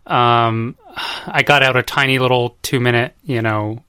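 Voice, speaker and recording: A man's voice: medium pitch, fairly even intonation, measured pace, pushed and bright, clear, resonant tone, dry recording, studio quality. A man hosting a casual podcast chat, out of breath and rambling, laughing often. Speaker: podcast host. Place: home.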